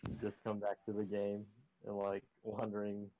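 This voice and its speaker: A man chatting casually while gaming, his voice coming through a voice-chat filter that makes it sound very deep and disguised. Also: completely flat delivery, moderate pace, mellow, dry recording, highs cut off. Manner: rambling, filler-heavy talk. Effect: voice-chat filter making his voice sound very deep and disguised. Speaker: gamer on voice chat.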